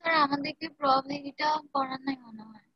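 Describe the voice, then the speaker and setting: A female student with a high voice asks her teacher polite, hesitant questions. The sound is dry and close, with a dull, lo-fi quality. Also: fast, dry recording. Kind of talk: asking questions in class. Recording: dry muffled call audio.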